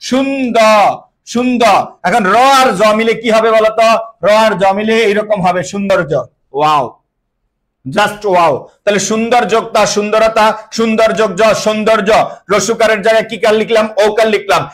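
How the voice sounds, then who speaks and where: High-voiced male teacher. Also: moderate pace, poor audio. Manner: lively, asks students questions and answers them himself; mixes English words into his speech. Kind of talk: online class lesson.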